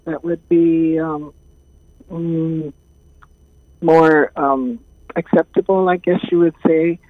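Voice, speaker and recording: Woman, 70s, interview guest, calm and pausing, tinny phone line. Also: low voice, dry recording. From Hawaii. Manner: calm, thoughtful, many pauses and fillers. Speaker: guest, caregiving trainer. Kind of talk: casual interview talk.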